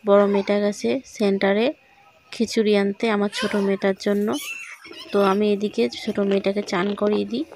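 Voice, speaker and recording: This casual vlog has a young mother of two daughters talking viewers through chores at home and in a courtyard near a water tap. Her medium-pitched, darkish voice moves little in pitch and runs a little fast, with a little hiss or hum in the background.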